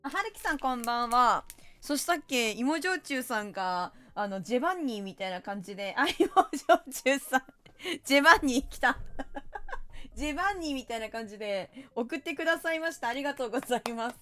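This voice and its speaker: A young woman streaming a game, chatting casually and getting excitable, her voice a bit rough. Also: fairly high pitch, a little fast. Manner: excitable, shouts and laughs while playing. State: voice a bit rough, says it won't come out.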